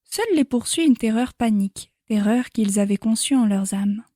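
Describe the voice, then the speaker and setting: A woman reading a classic novel chapter as an audiobook narrator in a measured, clear way. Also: on the high side, animated, dark tone, dry recording, studio quality.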